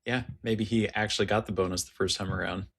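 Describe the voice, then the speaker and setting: A man with a somewhat low, husky voice, co-hosting a podcast. He chats casually, joking and agreeing readily. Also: fairly even intonation, quick pace, fairly bright tone. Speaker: podcast co-host.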